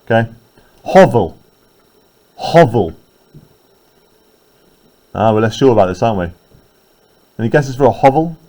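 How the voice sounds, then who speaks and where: A man teaching a poetry class in a classroom, chatty and explanatory. He keeps checking in with his students as he goes, in a mid-pitched voice. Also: lively intonation, fast talker, long pauses, warm tone, poor audio. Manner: conversational, frequent tag questions.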